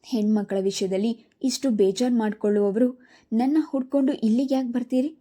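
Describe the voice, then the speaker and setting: A woman doing a frank young woman doctor, straight-talking, very mellow dark tone. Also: fairly high pitch, steady tone, moderate pace, lightly acted. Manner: warm, direct.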